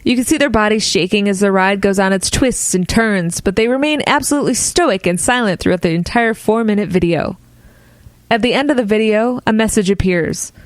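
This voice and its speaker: A woman co-host reads a silly news item and then riffs on it, with giggles slipping into her talk. Her voice sits at a middle pitch. She is recorded close up, with no room sound around her. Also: fairly quick, no room sound. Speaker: comedy podcast co-host. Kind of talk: casual comedic news chat.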